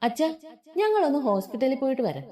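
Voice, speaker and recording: A woman's voice: high voice, sing-song, quick pace. Woman voicing a caring young husband. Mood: teasing. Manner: joking, gently scolding.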